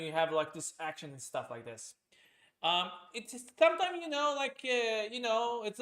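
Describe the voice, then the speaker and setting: In casual conversation, a streamer and podcast host rambles with a raised voice that's a little high and fairly bright, stumbling through many fillers and restarts.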